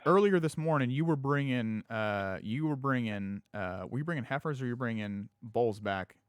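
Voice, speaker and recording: A young man hosting a live-streamed radio chat from a parts shop, plugging sponsors in a halting, upbeat way full of fillers. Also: medium pitch, animated, clean tone, dry recording, clean studio sound. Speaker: radio show host.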